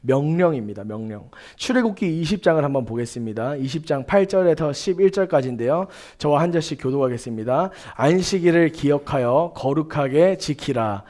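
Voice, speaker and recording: A man's voice: a little high, expressive, fast, hardly any pauses, a little mellow. A man preaching a sermon to a young adult congregation. He speaks emphatically, fires rhetorical questions at his listeners and repeats his key points. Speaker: pastor. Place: church sanctuary.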